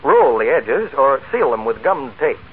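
A man's voice: mid-range voice, sing-song, breathy edge. Man announcing on an old radio show. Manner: brisk, upbeat promotional delivery. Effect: old radio show broadcast sound. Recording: tinny 1940s radio broadcast with music.

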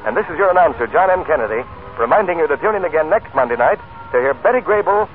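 A man's voice: on the high side, expressive. Man announcing on an old radio show. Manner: brisk, upbeat promotional delivery. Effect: old radio show broadcast sound. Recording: tinny 1940s radio broadcast with music.

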